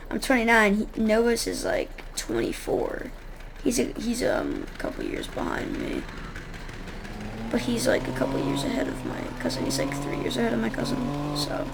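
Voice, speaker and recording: Rambling, gravelly role-play narrator with a wildly swinging pitch. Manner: rambling, often restarting and correcting themselves. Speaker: role-play narrator running a car shop. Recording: noisy recording.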